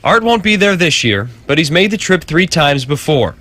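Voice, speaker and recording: A man's voice: a little high, very animated, moderate pace, sharp tone. A man with an American accent reading scripted narration as a television news reporter.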